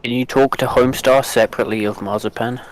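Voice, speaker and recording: A man chatting casually over gameplay, thinking aloud in a halting way. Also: medium pitch, steady tone, a little hiss or hum, poor audio. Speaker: gamer.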